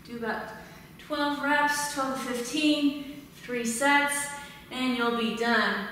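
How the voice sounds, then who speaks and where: A woman in her thirties leads a home exercise lesson, calmly cueing each breath and movement. Her voice is bright and fairly high. She is recorded from a distance, so the tiled room echoes around her with a long tail. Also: takes it slowly, slight background noise. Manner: calm step-by-step cueing of breath and form. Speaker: fitness instructor. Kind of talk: instructional exercise demonstration.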